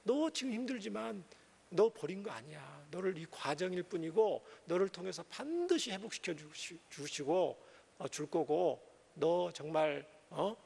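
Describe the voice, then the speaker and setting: A man's voice: high voice, lively intonation, measured pace, vocal fry, darkish tone, husky, long reverb tail, exaggerated voice. A man voicing God as a tender father reassuring his children.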